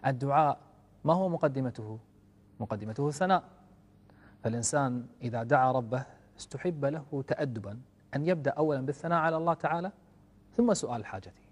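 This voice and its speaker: A man giving a religious lecture in an earnest way, dropping to soft, low passages and rising to loud, emphatic stresses. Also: fast talker, long pauses, big-room sound. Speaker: Islamic lecturer.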